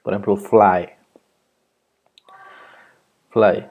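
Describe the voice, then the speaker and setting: A male teacher with a lowish, mellow voice walks through a grammar lesson. He takes his time and repeats each rule and example with patience. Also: steady tone, very slow. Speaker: English teacher. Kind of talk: grammar lesson explained in Spanish.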